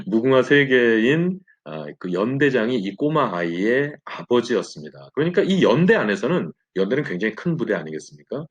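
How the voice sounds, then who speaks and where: A man leads a Bible lesson with a slightly husky voice, telling his story with animated, wide-ranging pitch. He fills pauses with short affirming words. The recording sounds dull and lo-fi. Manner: animated storytelling with frequent "예" fillers. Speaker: Bible study teacher.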